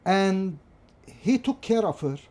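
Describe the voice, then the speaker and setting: In this interview, a guest who teaches political science, a middle-aged man from Lebanon, shares personal recollections of his family and education. He has a high, expressive voice with a darkish tone and a Lebanese accent, and he speaks slowly and haltingly, often restarting and using fillers.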